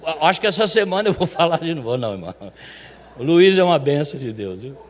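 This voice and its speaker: A man with a high voice tells a testimony from the pulpit, chatty and animated, and acts out the voices of the people in his story. His voice rings through a church sanctuary with a long reverb. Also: fast talker. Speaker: church elder telling a testimony.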